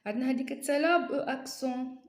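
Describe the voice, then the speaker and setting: Woman teacher, Moroccan accent, patient step-by-step explainer, fairly high voice, roomy echo. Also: very fast. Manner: explains step by step, repeating key terms. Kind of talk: explaining a lesson.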